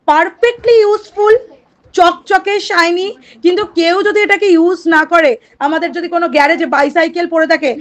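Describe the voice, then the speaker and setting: A woman explaining a poem to her students, asking questions and reading lines of verse slowly. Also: very high voice. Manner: talks directly to students, asks and answers her own questions. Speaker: literature teacher.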